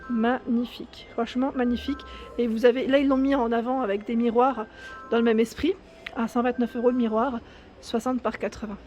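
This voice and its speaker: A French-accented shopping vlogger with a fairly high, warm voice gives a casual walkthrough of a large indoor home improvement store. She talks enthusiastically and reads prices and sizes aloud, with slight background noise in the recording.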